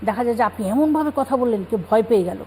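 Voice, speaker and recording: Woman guest scholar, calm explanatory delivery, relaxed tone, light background hiss. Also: a little high, quick pace, poor audio. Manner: calm explanatory, cites scripture. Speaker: religious guest speaker. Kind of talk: Islamic talk show explanation.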